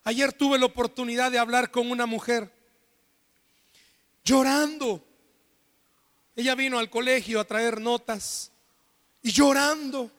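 A man's voice: extremely high pitch, big-room sound. A married man preaching a sermon at a church service, speaking with impassioned intensity and calling out to the congregation. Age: adult, married. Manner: impassioned preaching with shouted appeals. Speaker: pastor.

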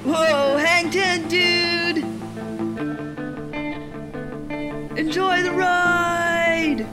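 A woman playing a stoked, laid-back surf instructor in a scripted skit, using surfer slang with drawn-out exclamations. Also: on the high side, loud music behind the voice. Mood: excited.

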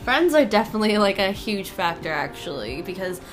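A woman's voice: medium pitch, very animated, fairly quick, faint music behind. A woman co-hosting a casual podcast chat, giggly and often breaking off mid-sentence. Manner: giggly, self-interrupting. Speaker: podcast co-host.

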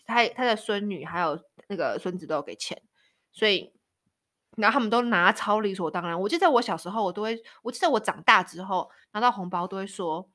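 A woman's voice: medium pitch, expressive, brisk, a bit bright. A woman in her thirties from Taiwan with a Taiwanese Mandarin accent, hosting a casual storytelling chat. She laughs often and acts out the voices of people in her stories. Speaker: podcast host.

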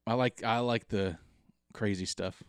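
Low-voiced joking podcast co-host man. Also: measured pace, clean tone, no room sound, clean studio sound. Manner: joking, animated storyteller. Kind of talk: casual chat.

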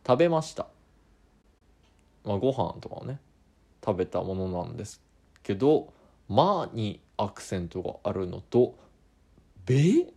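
A man's voice: fairly low pitch, sing-song, normal speed, gravelly, pauses often, dark tone, breathy edge. A man hosting a casual solo podcast, musing aloud as he tries out different regional word accents. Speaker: podcast host.

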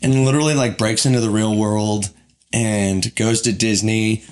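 A man in casual podcast chat, ranting with animation, his pitch jumping up when he gets worked up. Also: steady tone, moderate pace, darkish tone. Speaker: podcast co-host.

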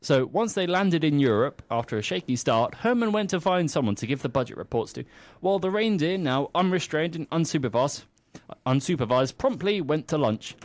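A man's voice: fairly high pitch, lively intonation, brisk. A man telling a comic story with playful, teasing asides.

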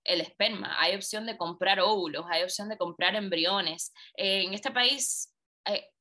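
An interview guest, a woman with a mid-range voice, tells a personal story at a measured pace. She's animated, acting out the quoted dialogue as she goes.

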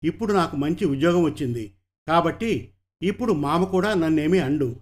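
A man's voice: a little high, animated, normal speed, close to an everyday voice. A man voicing a hopeful young man who speaks eagerly.

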